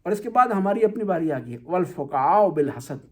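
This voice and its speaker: A man's voice: high voice, big pitch swings, fairly bright tone. A male Shia cleric giving a conversational religious talk, lecturing through anecdotes and rhetorical questions.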